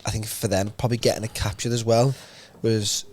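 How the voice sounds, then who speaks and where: A man, co-hosting a podcast in casual chat and telling stories in an animated way. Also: lowish voice, fairly quick, slight background noise. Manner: chatty, animated storyteller. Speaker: podcast co-host.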